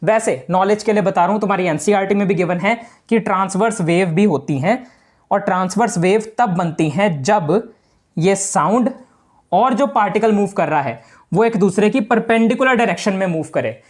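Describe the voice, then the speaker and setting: A man's voice: high-pitched, normal speed. A male teacher giving a casual physics lesson to students, talking informally and repeating the key points.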